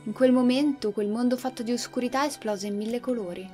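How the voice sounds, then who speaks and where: Expressive woman reading a game's story. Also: a little high, brisk, faint music behind. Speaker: gaming channel host.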